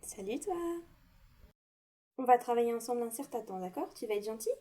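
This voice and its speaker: A woman voicing a polite new girl at a riding stable in a toy play-acting story, speaking softly. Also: a little high, animated, a little fast, heavy background noise, natural voice. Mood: gentle.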